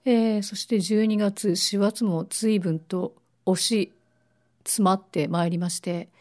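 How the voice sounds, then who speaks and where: A woman hosting a casual radio show in a polite way, her voice raspy like a smoker's and hoarse from a lingering cold. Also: medium pitch, steady tone, takes it slowly, a little mellow.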